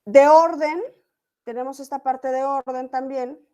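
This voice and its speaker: A woman's voice: high voice, steady tone, measured pace, dark tone. A woman teacher, explaining a lesson step by step to an online class and often checking in with her students.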